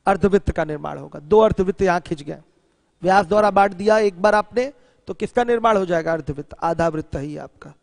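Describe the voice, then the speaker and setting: A man teaches a geometry class in a high, bright-pitched voice, checking in with students constantly and answering his own questions. He switches into English for technical terms and reads out questions from viewers. The sound is close and dry, yet a long hall reverb trails after his words. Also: brisk, gravelly. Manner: asks students questions often and answers them himself; mixes English terms into the explanation. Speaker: math teacher. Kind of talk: online geometry lesson.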